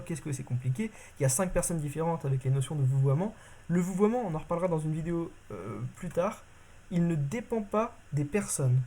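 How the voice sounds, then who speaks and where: A man's voice: a little high, mellow. A man teaching a constructed language in a casual video lesson, talking informally and often correcting himself mid-sentence. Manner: informal, self-correcting, lots of fillers.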